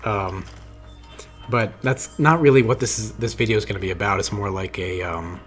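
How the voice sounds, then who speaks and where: A man's voice: on the low side, moderate pace, soft background music. A man talking straight to his viewers about a video game he loves, earnest and rambling, with many restarts and fillers. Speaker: gaming video creator. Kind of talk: casual monologue to camera. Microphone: camera-facing mic.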